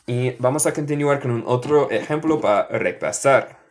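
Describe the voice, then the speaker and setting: A man from Michigan teaching English in Spanish on a live stream, drilling phrases slowly and mixing both languages. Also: mid-range voice. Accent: American English speaking Spanish. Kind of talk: live online English lesson for Spanish speakers.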